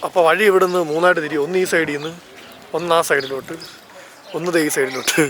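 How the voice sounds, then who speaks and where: Chatty Malayali man, brisk outdoor walk. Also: on the high side, noisy background. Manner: chatty, enthusiastic, thinks aloud and corrects himself. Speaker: travel vlogger. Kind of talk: casual walking vlog narration. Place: outdoors walking through a seaside town and park. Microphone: handheld camera while walking.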